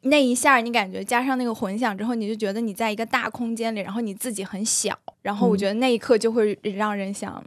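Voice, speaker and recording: A woman with a fairly high voice explains things carefully and pauses to find the right words. The sound is dry and close. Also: fairly even intonation, no room sound. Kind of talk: casual podcast chat.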